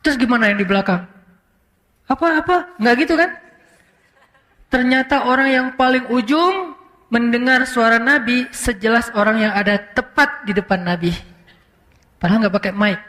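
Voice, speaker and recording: A male preacher tells a story in a relaxed, chatty sermon style. He slips English words into his speech. His voice sits very high for a man, and it trails off into a long hall echo. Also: moderate pace, pauses often. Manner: conversational, mixing in English words, animated retelling.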